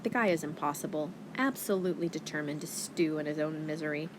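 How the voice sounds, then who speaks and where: A woman reading a first-person audiobook in a wry, expressive teenage-girl voice. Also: deep voice, quick pace, noisy background. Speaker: audiobook narrator.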